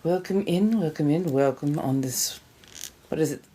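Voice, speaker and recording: A woman's voice: low voice, moderate pace, dark tone, a little hiss or hum. A woman hosting a casual livestream, greeting viewers effusively with theatrical pet names and chatting as she snacks. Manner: eating and sipping while talking. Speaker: livestream host.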